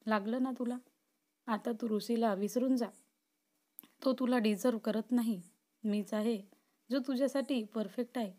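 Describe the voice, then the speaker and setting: Woman doing a creepy obsessive guy, pleading then menacing, kinda high-ish for a guy, storybook reading. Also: fairly even intonation, measured pace, pauses often, warm tone, natural voice. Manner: pleading then threatening, intense. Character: obsessive possessive young man, menacing.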